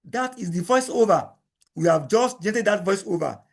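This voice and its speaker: A man teaching a software tutorial, repeating each step in plain explanatory talk. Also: high voice, animated, a little fast, creaky. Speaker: instructor. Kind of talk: screen-recording software tutorial.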